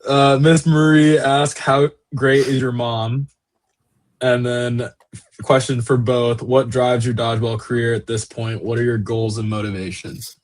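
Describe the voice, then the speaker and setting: A man's voice: medium pitch, level tone, a little slow. A young man hosting a podcast, chatting casually and reading out listener questions. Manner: chatty, laughs often, lots of "like". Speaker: podcast host. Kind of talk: casual chat.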